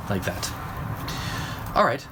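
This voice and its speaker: A man explaining how to draw eyes and mouths, talking while he sketches and pausing between phrases. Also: noisy background. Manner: explanatory, talks while drawing, pauses mid-phrase. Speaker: drawing instructor. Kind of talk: recorded art lesson.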